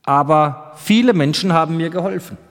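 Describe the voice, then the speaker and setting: A man's voice: on the high side, moderate pace, close to an everyday voice. A man reading the part of a timid young squire who stammers and hesitates. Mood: hesitant. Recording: long reverb.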